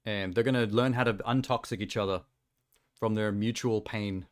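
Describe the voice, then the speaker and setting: A man's voice: fairly low pitch, steady tone, normal speed. An Australian man streaming casual reaction commentary, blunt and sweary, laughing easily.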